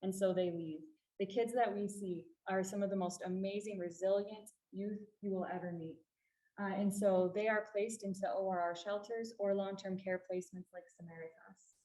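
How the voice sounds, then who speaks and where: A woman's voice: medium pitch, mellow. Earnest woman presenter in an echoey room. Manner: earnest, explanatory, stresses key points. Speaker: refugee services staff presenter. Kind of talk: public talk to a library audience. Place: library meeting room.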